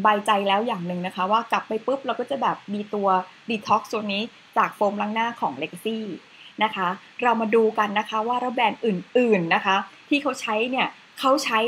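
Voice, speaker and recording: A woman's voice: fairly high pitch, fairly bright tone, a little hiss or hum, poor audio. A woman presenting a facial cleanser in a chatty, casual way with slides, adding polite particles to most phrases.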